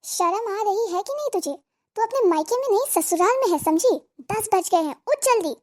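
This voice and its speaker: A woman's voice: very high voice, expressive, moderate pace, darkish tone. A woman voicing a scolding, sarcastic mother-in-law in a cartoon comedy. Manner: nagging, sarcastic, theatrical complaining. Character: scolding middle-aged Indian mother-in-law.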